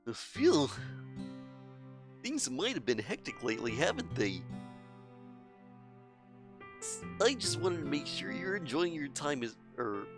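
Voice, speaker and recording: A woman's voice: low voice, sing-song, measured pace, long pauses, over music, voice pushed up, heavily acted. A woman voicing a cheerful, caring teenage club president in a visual novel, sounding sweet and earnest. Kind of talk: reading game dialogue aloud.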